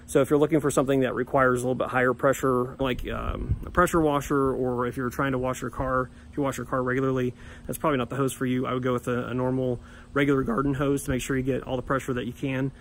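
A man's voice: medium pitch, level tone, fast. A man in his thirties hosting a home maintenance vlog, talking plainly with fillers and restarts, filmed on a phone at arm's length outdoors in a suburban yard. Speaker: home maintenance channel host. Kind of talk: casual how-to vlog. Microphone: phone camera at arm's length. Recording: outdoor phone audio with clear background noise.

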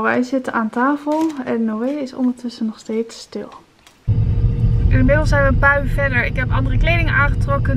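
Een jonge vrouw met een Nederlands accent die ontspannen en babbelend vlogt, met veel aarzelingen. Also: female voice, high voice, heavy background noise. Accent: Dutch. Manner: relaxed, chatty, many filler sounds. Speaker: vlogger, new mother. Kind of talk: casual vlog chat.

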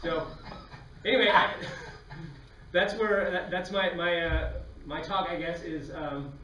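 Speaking slowly in a high-pitched voice, a man delivers a comedy talk in a lecture hall, animatedly performing voices in his stories for the live audience. Captured from a distance in the echoey hall, the audio has a little hiss or hum.

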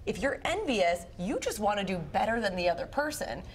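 A young woman anchors a morning show panel in a TV studio, walking her co-hosts through a study in a chatty, step-by-step way. Her voice sits at an ordinary pitch for a woman. A faint hum of studio noise sits under her lapel mic. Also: sing-song, fairly quick. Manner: chatty, explaining research step by step. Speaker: news anchor. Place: TV news studio.

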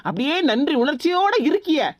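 A woman voicing a blunt, loyal younger woman with a Tirunelveli Tamil accent, sarcastic and quick to retort. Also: sits high, very animated, no echo, muffled recording.

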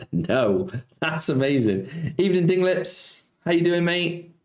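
Chatty streamer, echoey room. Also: male voice, fairly high pitch, lively intonation, takes it slowly. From Nottingham, England. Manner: chatty, reads viewer messages aloud and greets them, cheeky banter. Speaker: slots streamer. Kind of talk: casual live-stream chat. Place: home streaming room, indoors. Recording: echoey room, faint background music.

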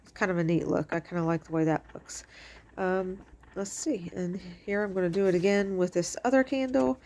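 Here the crafting channel host, a middle-aged woman, sounds brisk and somewhat low, with a slightly mellow quality and a little background noise. Stuffy from allergies, she rambles cheerfully through a home craft tutorial in her kitchen, filling gaps with many fillers.

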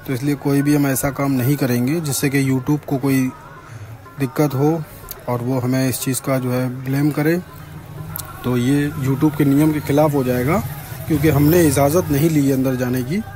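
Young vlogger, Farrukhabad Hindi accent, mellow voice, handheld phone, faint music behind. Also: male voice, medium pitch. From India. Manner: chatty, points things out to viewers. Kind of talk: casual walking tour vlog. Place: crowded decorated shrine courtyard at night. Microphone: handheld phone camera.

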